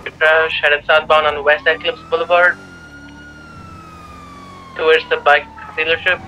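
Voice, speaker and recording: A man playing a police officer, giving rapid, clipped turn-by-turn calls during a car chase over a walkie talkie. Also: a little high, flat delivery, pushed and bright, slight background noise, rough recording.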